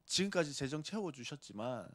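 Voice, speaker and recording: A man preaching a sermon as pastor, swinging between loud emphasis and hushed whispers and acting out quoted speech. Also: on the high side, very animated, brisk. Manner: acts out quoted speech of characters.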